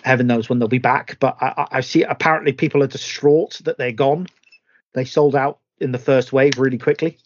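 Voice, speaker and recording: A man's voice: mid-range voice, steady tone, brisk, slight background noise. A man hosting a casual podcast chat about tabletop miniatures, rambling and restarting his sentences. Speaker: podcast host. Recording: dull lo-fi sound.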